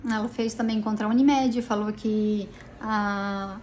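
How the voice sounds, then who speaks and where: A woman's voice: medium pitch, steady tone, a little slow, darkish tone, slight background noise. A tired middle-aged woman telling of a dispute in an agitated, rambling way, with many restarts. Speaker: vlogger recounting a personal dispute. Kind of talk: emotional personal account. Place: inside a police station.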